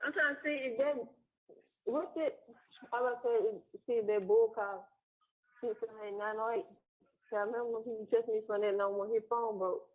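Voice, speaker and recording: A woman's voice: on the high side, steady tone. Woman on a tinny prison phone call. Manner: rapid, slangy and profane. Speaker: caller. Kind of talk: casual phone chat. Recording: tinny phone line played back.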